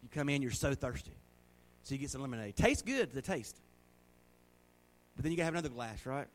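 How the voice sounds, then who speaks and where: A man's voice: medium pitch, lively intonation, fairly quick. A middle-aged man preaching a sermon in a folksy, conversational way, asking the congregation questions. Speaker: pastor.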